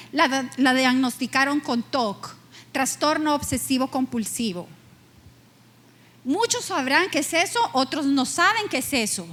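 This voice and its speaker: A middle-aged woman pastor delivering a heartfelt sermon testimony in a high, light voice. She tells her story with feeling and lingers on key words in slow, emphatic pauses. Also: fairly bright tone.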